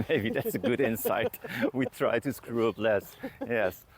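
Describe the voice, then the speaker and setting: Hosting a casual interview while walking outdoors, a man asks his questions in a searching, conversational way. His mid-range voice moves slowly with big pitch swings, and the outdoor walk brings clear background noise.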